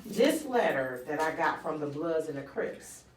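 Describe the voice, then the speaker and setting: Interview guest, woman, lowish voice, animated storyteller, roomy sound from off-mic. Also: a little slow, far from the mic. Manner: animated storytelling, acts out quotes. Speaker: guest author. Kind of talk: conversational interview.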